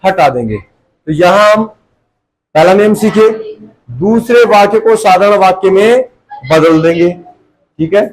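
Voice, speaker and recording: A man's voice: high voice, slow, long pauses, rough recording. A man teaching a grammar class to students, repeating his points and asking again and again whether they follow. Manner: repeats points and checks understanding with constant rhetorical questions. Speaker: tuition teacher. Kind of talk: classroom lecture.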